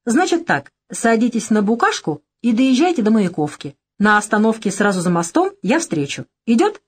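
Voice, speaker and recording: A woman reading an audiobook, voicing a lively, ironic young woman in a brisk, teasing manner. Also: a little high, slightly rough, voice pushed up. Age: young adult. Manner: brisk, teasing, bright lilt. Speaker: audiobook character.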